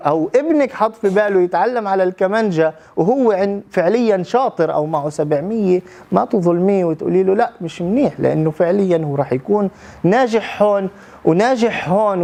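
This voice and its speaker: A man's voice: high-pitched, dark tone. A man delivers a motivational talk. He tells his story with animation and turns often to address his listeners directly. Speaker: public speaking trainee.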